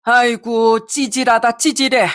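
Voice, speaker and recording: A woman voicing a stern, furious older father who scolds his son-in-law loudly. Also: a little high, flat delivery, unhurried, pitched above the performer's own voice. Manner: scolding, shouting.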